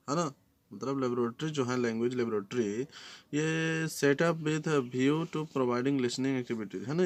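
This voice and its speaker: Man, exam tutor, question walkthrough, reads aloud then explains, habitual tag question. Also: medium pitch. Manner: explains in Hindi, reads questions in English, keeps adding "है ना".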